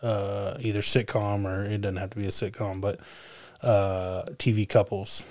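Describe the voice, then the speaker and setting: A man co-hosting a casual podcast chat, talking in a relaxed way with frequent fillers. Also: on the low side, normal speed, no echo. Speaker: podcast co-host.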